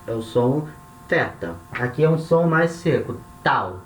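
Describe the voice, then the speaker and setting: Brazilian male teacher, slightly high voice, slow and patient, repeats each sound, echoey room. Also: darkish tone, faint music behind. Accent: Brazilian Portuguese. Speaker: language teacher. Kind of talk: classroom-style lesson.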